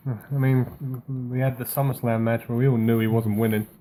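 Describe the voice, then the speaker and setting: A man's voice: medium pitch, little pitch movement, moderate pace, warm tone, slight background noise. A man hosting a wrestling podcast in casual chat, with a dry, sarcastic manner. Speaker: podcast host.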